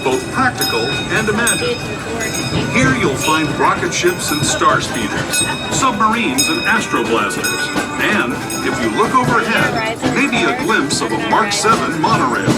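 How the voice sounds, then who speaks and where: A man's voice: sits high, big pitch swings, a little slow. A man playing a friendly railroad tour guide, narrating a scripted theme-park ride in a folksy storytelling way. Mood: friendly guiding. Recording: distant train speaker under loud music.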